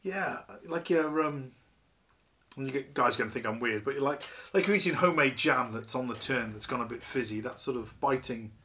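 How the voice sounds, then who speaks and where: A man in his fifties talks to camera from a small living room while he reviews a beer. He rambles, fills pauses with ums and you-knows, and pokes fun at himself. He is seated at a table, a short distance from the camera. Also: mid-range voice, bright, forceful tone. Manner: chatty, rambling, self-deprecating, many ums and you-knows.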